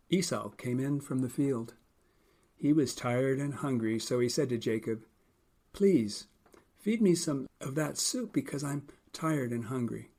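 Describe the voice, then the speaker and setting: A man's voice: mid-range voice, darkish tone. Man reading scripture in casual chat. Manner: explains plainly, with small restarts and dry jokes. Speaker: podcast co-host reading Bible passages.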